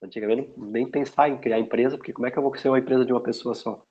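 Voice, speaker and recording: Very fast and husky, with fairly even intonation, a man's mid-range voice comes through a muffled, lo-fi recording. He is from São Paulo, Brazil, speaks with a São Paulo Portuguese accent, and is a logistics specialist appearing as a guest in a casual online interview, rambling and frequently restarting.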